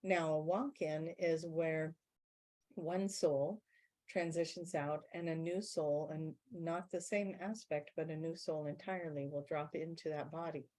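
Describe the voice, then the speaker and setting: A low-pitched woman speaks as a channeller in a spiritual Q&A. She explains things in a measured way and often slows down to stress key words. Her voice stays deep and steady throughout. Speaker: channeller speaking as a guide being.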